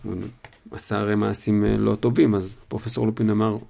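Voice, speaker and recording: Gravelly, mellow male storyteller. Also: lowish voice, flat delivery. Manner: retells in his own words with fillers. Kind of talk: casual storybook retelling.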